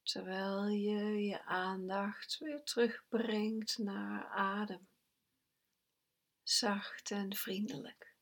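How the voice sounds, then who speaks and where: A woman guiding a breathing meditation, with slow, soft, calm instructions that at times sink to a whisper. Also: mid-range voice. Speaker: meditation guide.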